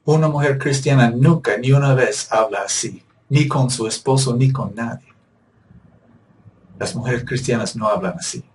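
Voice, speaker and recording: A man's voice: mid-range voice, normal speed, a little mellow, recorded from a distance, slight background noise. A male preacher giving a sermon, emphatic and repetitive, with rhetorical questions.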